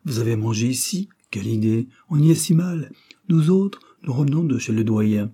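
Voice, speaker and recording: A man voicing a triumphant young male painter who talks in an animated, exclaiming way. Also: mid-range voice, normal speed, slightly rough.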